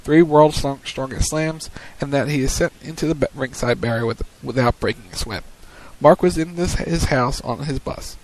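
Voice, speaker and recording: A man's voice: mid-range voice, moderate pace, hardly any pauses, poor audio. A man co-hosting a wrestling post-show on web radio, recapping segments and calling matches like a commentator. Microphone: studio mic on a web radio show.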